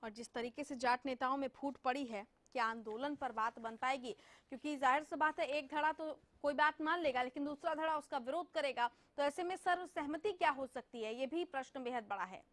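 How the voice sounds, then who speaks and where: A high-voiced woman anchoring a studio news show. Her tone is bright and crisp, and she poses long questions in a measured, formal way.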